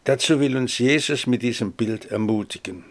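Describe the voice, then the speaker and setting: A man preaching a sermon, reading scripture aloud in a measured, solemn way. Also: medium pitch.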